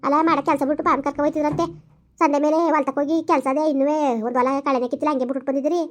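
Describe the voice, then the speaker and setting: A woman's voice: high voice, steady tone, very fast, natural voice. A woman voicing a caring but defiant young village daughter-in-law with a rural Karnataka Kannada accent, in a village family drama.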